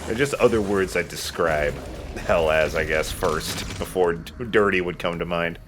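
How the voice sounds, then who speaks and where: Over video game music and a noisy background, a man with a low voice hosts a let's play at a normal speed. He plays the game while chatting casually. His commentary is joking and rambling.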